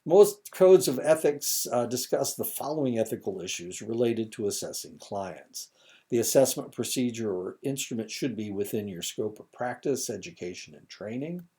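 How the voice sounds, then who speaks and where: A man's voice: medium pitch, lively intonation, moderate pace, warm tone. A man giving a recorded lecture, reading points aloud with casual asides and fillers, his throat a little dry.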